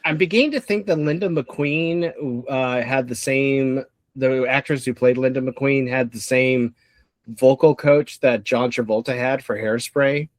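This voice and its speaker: A man's voice: medium pitch, measured pace, no echo. A man co-hosting a podcast in casual chat, rambling and restarting his sentences. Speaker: podcast co-host.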